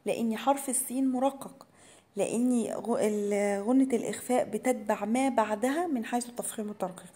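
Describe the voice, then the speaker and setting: Mellow Egyptian woman teaching recitation. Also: fairly high pitch. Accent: Egyptian Arabic. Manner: slow drawn-out recitation between brisk explanations. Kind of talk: tajweed lesson for beginners.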